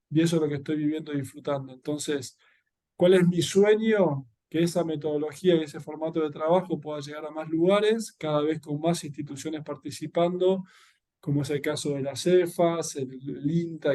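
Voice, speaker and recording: An Argentine man with a slightly high, warm voice speaks earnestly and reflectively as an interview guest, explaining his work. He is a social entrepreneur and educator, and his accent is Argentine Spanish.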